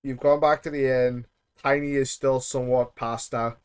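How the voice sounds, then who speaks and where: Game master, male, clear resonant voice, casual and jokey, on a call mic. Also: mid-range voice, steady tone, moderate pace. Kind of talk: narrating a tabletop game.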